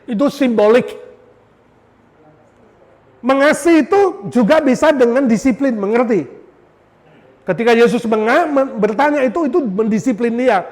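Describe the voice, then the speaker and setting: A high-pitched man preaches with an animated, questioning style, throwing rhetorical questions at his listeners and mixing in English phrases. His voice rings out with a long hall reverb behind it. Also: normal speed, pauses often. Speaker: pastor. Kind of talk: lively preaching sermon.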